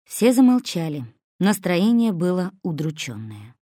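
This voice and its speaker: A woman narrating a story, reading aloud in a lively, expressive way. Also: on the low side, measured pace, no room sound, clean studio sound.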